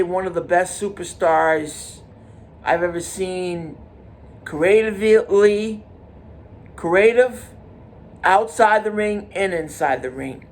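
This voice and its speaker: Halting slow-talking man in his forties. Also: sits high, a little hiss or hum. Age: 40s. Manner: halting, repetitive, many restarts and fillers. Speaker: podcast host. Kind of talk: casual monologue.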